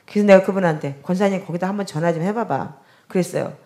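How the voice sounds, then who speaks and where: In a fairly low, dark voice and at a quick pace, this middle-aged woman pastor gives a testimony at a prayer service. Standing at her pulpit, she performs the voices of the other people in her story.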